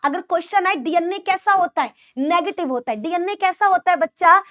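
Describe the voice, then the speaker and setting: High-voiced Hindi biology teacher woman. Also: fairly quick, a bit bright. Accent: UP-Bihar Hindi. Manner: repetitive, call-and-response teaching with mnemonic jokes. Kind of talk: online class lecture.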